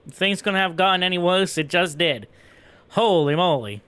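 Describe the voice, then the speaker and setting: Male let's play host, casual and rambling, crisp bright voice, slightly high. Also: animated, normal speed, no echo. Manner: rambling, self-correcting, thinks aloud. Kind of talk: casual game commentary.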